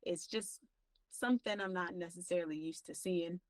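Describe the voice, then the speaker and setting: A woman's voice: on the low side, normal speed, dry recording, distant mic, poor audio. A woman co-hosting a podcast, asking questions and responding with enthusiastic praise. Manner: warm, enthusiastic, complimentary. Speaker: podcast co-host. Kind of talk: casual interview talk.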